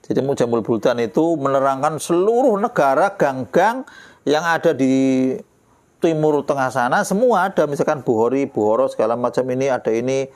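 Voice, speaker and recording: A man, teaching a relaxed religious lesson as a kiai, chatty and joking, quoting Arabic verses. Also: on the high side. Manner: chatty, jokey, laughs often, quotes Arabic verses. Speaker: kiai teaching a kitab study.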